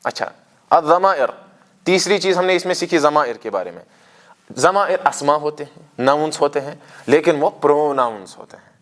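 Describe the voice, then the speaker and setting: Male language teacher, slightly high voice, explains patiently and drills the class in a classroom. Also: expressive, normal speed, fairly bright tone. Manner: explains terms step by step, asks the class questions and drills them in recitation. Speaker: Arabic teacher. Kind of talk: classroom grammar lesson.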